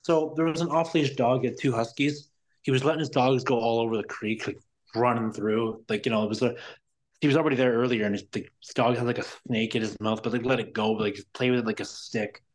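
A man's voice: mid-range voice, fairly even intonation, fairly quick. A man telling a long story in casual chat, rambling and swearing, exasperated with careless people. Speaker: podcast guest.

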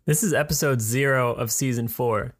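A man's voice: medium pitch, moderate pace. A man co-hosting a casual podcast, talking with enthusiastic, playful hype. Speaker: podcast co-host.

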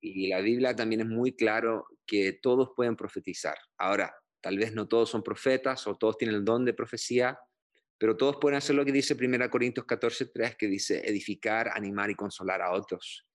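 A middle-aged man from Chile speaking as a pastor in an interview, with a low-pitched voice. He tells his story earnestly, pausing often and restarting his sentences with fillers. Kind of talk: interview testimony.

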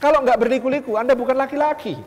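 A man preaching a humorous mosque lecture, telling stories lively and acting out the people in them. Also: very high voice, racing. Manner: lively storytelling, acts out quotes, jokes. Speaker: Islamic preacher. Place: large mosque hall. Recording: reverberant hall, faint ambience.

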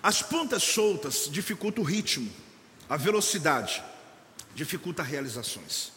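Animated preacher man in a hall. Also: a little high, measured pace, a little hiss or hum. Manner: animated, joking, acts out church members and a doctor. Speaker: apostle and church leader. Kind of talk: lively sermon. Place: church service.

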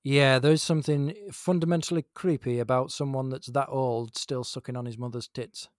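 A man's voice: medium pitch, fairly even intonation, moderate pace, no echo, studio quality. A man co-hosting a podcast, joking and rambling through casual banter. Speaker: podcast co-host. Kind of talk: casual chat.

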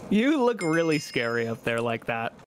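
A man's voice: mid-range voice, big pitch swings, moderate pace, a little hiss or hum. A man teasing his friends during a game, slipping into mock commercial delivery, with game music behind. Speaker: gamer. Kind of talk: casual gaming banter.

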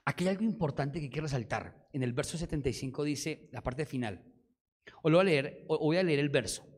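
A preacher man delivering an animated sermon, his fairly high voice dropping to a hush one moment and rising to near shouts the next. He acts out voices and prayers as he goes. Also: a little fast. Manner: animated, acts out dialogue and prayers, swings from hushed to loud.

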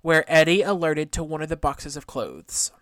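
A woman's voice: low-pitched, lively intonation, moderate pace, a bit bright, no room sound, clean studio sound. A woman hosting a podcast, telling a true-crime story from notes in a conversational way, with casual asides and some trouble pronouncing her Rs. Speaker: podcast host.

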